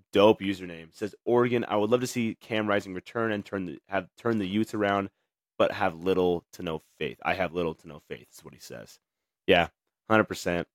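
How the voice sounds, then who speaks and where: A man's voice: low-pitched, dry recording, clean studio sound. A young man hosting a casual sports talk show, reading viewer comments and rambling through his takes with many fillers and restarts. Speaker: podcast host.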